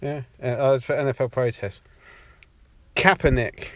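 A man's voice: medium pitch, normal speed. A young man co-hosting a casual podcast from inside a parked car, joking and laughing as he talks. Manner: animated, joking, laughs often. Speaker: podcast co-host. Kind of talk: casual banter. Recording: car interior with road noise.

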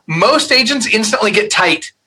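A man hosting a real estate webinar, energetic and upbeat as he introduces his guest and asks questions. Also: high-pitched, normal speed, breathy edge. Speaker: webinar host. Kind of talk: webinar interview.

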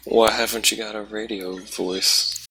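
A man co-hosting a game podcast who makes dry, impatient remarks. His voice is low and husky, with a bright edge to it. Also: flat delivery, a little slow, no echo, poor audio. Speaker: podcast co-host. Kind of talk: casual chat.

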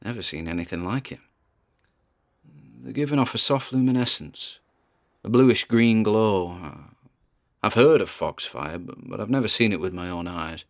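A British man with a voice on the low side narrates a podcast-style audio drama as a wary, chatty paranormal investigator exploring a site, complete with theatrical asides. He's animated and talks at normal speed but pauses often, sounding uneasy and curious.

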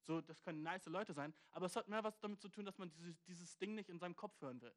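A young man doing a comedy rant, slangy and loose, throwing in 'dude' constantly and jumping up in pitch for emphasis. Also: fast talker. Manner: slangy, loose, full of 'Dude' and 'weißt du'; animated, jumps into high pitch for emphasis.

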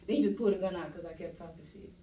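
A woman's voice: on the low side, racing, warm tone, a little hiss or hum. A young woman from Louisiana with a Louisiana accent, a podcast guest telling stories in a loose, laughing way with Southern slang. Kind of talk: casual interview chat. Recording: echoey room, mic at a distance.

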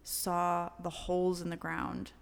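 Woman in her 30s, lowish voice, lively storyteller co-host, reverb tail. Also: slow pace, gravelly, smooth. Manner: animated storyteller, frequent likes. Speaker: podcast co-host. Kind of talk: casual chat.

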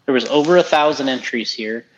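On this podcast, a male co-host with a mid-range voice talks fairly quickly while the highs are cut off and slight background noise lingers. His casual chat about an RC race is loose and easygoing, full of rambling asides and frequent restarts.

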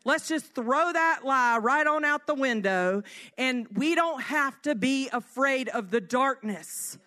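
A middle-aged woman, giving a conversational sermon as an animated storyteller who often asks "right?". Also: high-pitched, slow. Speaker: speaker at a church service.

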